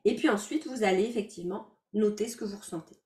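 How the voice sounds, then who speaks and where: A woman's voice: medium pitch, quick pace. A woman coaching from a roomy distance. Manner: explanatory, gentle, with frequent filler words. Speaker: life coach and yoga teacher. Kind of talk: teaching an online workshop. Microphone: video call. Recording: roomy sound from away from the mic.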